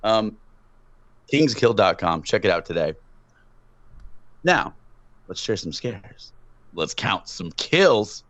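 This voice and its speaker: A man's voice: on the low side, very animated, slow, long pauses, fairly bright tone, dry recording. Chatty man hosting, slightly dull sound. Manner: rambling, laughing, frequent fillers. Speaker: podcast host. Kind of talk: casual chat.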